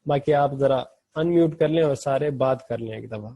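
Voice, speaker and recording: A man teaching an online language class, explaining patiently step by step and repeating examples slowly. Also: medium pitch, dark tone, dry recording. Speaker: Farsi teacher.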